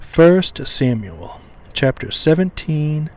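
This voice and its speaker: A podcast host teaches scripture casually in a slightly hoarse, weak, somewhat high male voice with a darkish tone. He's very animated yet halting, with frequent pauses, ums and restarts as he works to enunciate deliberately.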